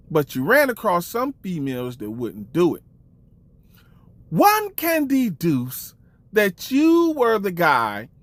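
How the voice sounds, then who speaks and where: A man with a somewhat high voice mocks his subject in online commentary aimed at the camera, stretching out accusations and teasing rhetorical questions. The audio has no echo.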